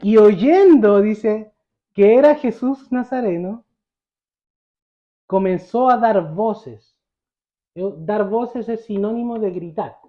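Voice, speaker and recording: A man's voice: high-pitched, slow, long pauses, reverberant, dull audio. A male pastor preaching a sermon, telling the story vividly and asking the congregation questions.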